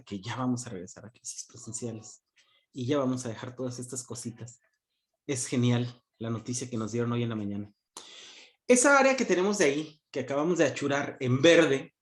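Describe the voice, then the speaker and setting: A man, a university economics teacher giving an online class, joking and answering his own questions. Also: medium pitch. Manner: joking, asks questions and answers them himself.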